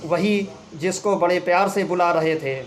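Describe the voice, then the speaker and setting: A woman's voice: on the low side, steady tone, normal speed, a little hiss or hum, close to an everyday voice. A man voicing a middle-aged wife who teases and scolds her husband fondly. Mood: scolding. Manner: scolding then fond, homely.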